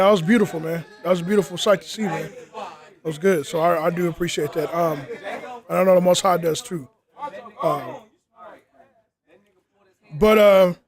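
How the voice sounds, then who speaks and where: A man hosting a casual outdoor podcast interview, who keeps tossing in "you know what I'm saying" as he talks. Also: sits high. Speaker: interviewer and group leader. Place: outdoors in the cold.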